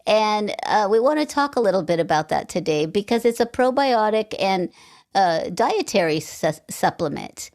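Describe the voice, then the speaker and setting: A woman hosts a podcast interview in a loose, conversational manner. Her voice sits at a middle pitch, and she drifts into asides as she talks. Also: animated, a little mellow. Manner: chatty, conversational, with asides and quick laughs. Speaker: podcast host. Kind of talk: casual interview chat.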